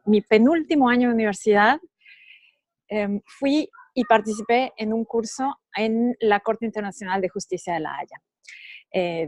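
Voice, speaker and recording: A woman's voice: medium pitch, no echo. Thoughtful woman, dry close sound. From Mexico. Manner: measured, thoughtful, with frequent pauses. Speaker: guest. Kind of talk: podcast interview.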